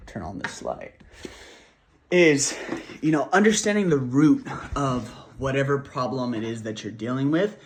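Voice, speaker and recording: A man's voice: mid-range voice, slight background noise. A man, a weight loss coach, talking casually to his viewers while a bit congested from a cold, rambling and often checking in with "right?". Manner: rambling, repeats words, asks "right?" often. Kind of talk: casual talk to camera.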